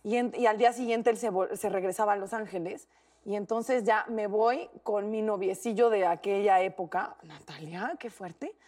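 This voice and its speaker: A young Mexican woman co-hosting a talk show, telling a story in a lively, slangy way and acting out the quotes. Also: medium pitch, normal speed, recorded from a distance. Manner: animated, slangy, acts out quotes. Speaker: co-host.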